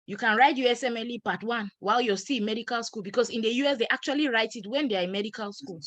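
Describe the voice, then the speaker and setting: A woman's voice: a little high, fast, dry recording. Emphatic woman giving advice. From Cameroon. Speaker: panelist doctor. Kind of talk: webinar advice talk. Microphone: video call.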